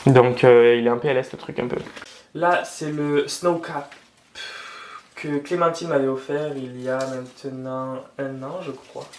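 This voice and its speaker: A man's voice: medium pitch, a little mellow. Young guy vlogging about his plants, hot and sweaty, swears a lot, grumbles at them, casual indoor chat. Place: indoors at home among houseplants, shutters down.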